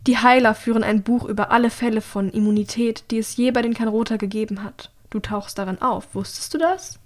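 A woman doing a hushed, pleading young woman. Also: a little high, fairly quick, natural voice. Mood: urgent. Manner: hushed, often whispered pleading.

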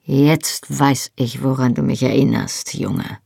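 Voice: medium pitch, slow pace, gravelly, a little mellow, husky, no room sound, clean studio sound, heavily acted. A reader doing a bawdy joking innkeeper man. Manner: confiding, joking. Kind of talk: audiobook reading.

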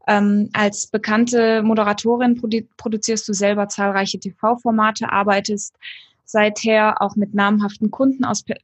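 Gushing husky woman podcast host. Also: medium pitch, dry recording. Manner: effusive, gushing with compliments. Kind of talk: enthusiastic podcast interview.

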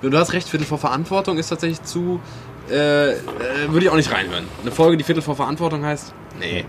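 Fast-talking young man, joking. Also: fairly high pitch, expressive, noisy background. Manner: quick short backchannels, joking interjections. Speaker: podcast co-host. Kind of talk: casual chat.

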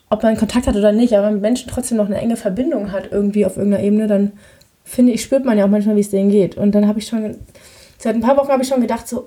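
A woman's voice: on the high side, mellow. A young woman in her twenties hosting a podcast, telling a personal story in a rambling, chatty way with many fillers. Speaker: podcast host. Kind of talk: casual monologue.

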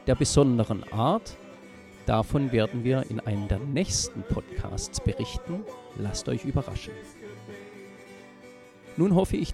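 A man presenting a local culture podcast in a friendly, measured way, then interviewing people on the street. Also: medium pitch, creaky, mellow. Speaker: podcast reporter.

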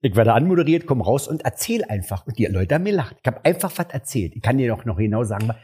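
A man's voice: quick pace, breathy edge. A man, a stand-up comedian, telling stories from his career in a casual interview and acting out the dialogue in them. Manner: animated, acts out dialogue with jumps in pitch.

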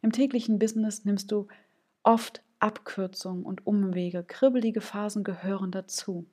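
A woman's voice: medium pitch, fairly even intonation, normal speed, warm tone. A woman hosting a solo coaching podcast, speaking informally to the listener with frequent "ja?" check-ins and acting out little quoted voices of gut and head. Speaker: podcast host, business coach.

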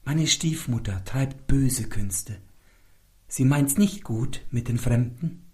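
A man's voice: takes it slowly, close to an everyday voice. A man doing a sad young girl. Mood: worried. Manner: higher, soft, sad.

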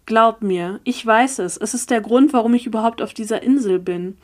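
A woman's voice: fairly high pitch, moderate pace, darkish tone, natural voice. A woman reading aloud, voicing a scheming, persuasive young male sorcerer who talks down insistently. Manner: condescending, insistent, impatient.

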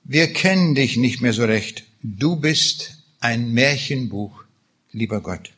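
A preacher reading a bitter, grieving returned soldier. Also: male voice, medium pitch, lively intonation, slow pace, a bit bright, husky, exaggerated voice. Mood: bitter accusing. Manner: accusing, pleading questions.

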